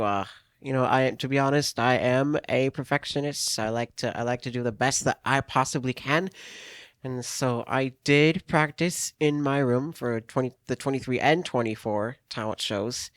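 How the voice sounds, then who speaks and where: A man's voice: mid-range voice, dry recording. Earnest, hesitant man clarinetist. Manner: hesitant, many restarts, earnest. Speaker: guest clarinetist, talent show winner. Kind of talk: casual interview chat.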